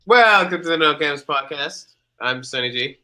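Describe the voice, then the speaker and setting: A man's voice: fairly high pitch, lively intonation, normal speed, bright, forceful tone. A man co-hosting a podcast, talking casually and emphatically. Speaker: podcast co-host. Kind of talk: casual chat.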